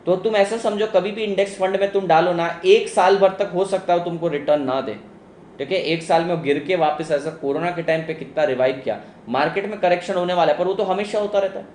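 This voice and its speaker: A man's voice: high-pitched, fairly quick, a little mellow, slight background noise. Male teacher explaining, echoey room. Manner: casual, mixes English into explanations, addresses students as beta. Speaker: economics teacher. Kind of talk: live online exam-prep lecture. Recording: roomy echo with faint ambience.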